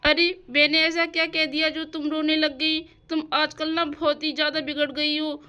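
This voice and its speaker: A woman's voice: high-pitched, level tone, moderate pace, sharp tone. A woman voicing a strict mother in a doll-house cartoon story, nagging and scolding her daughter.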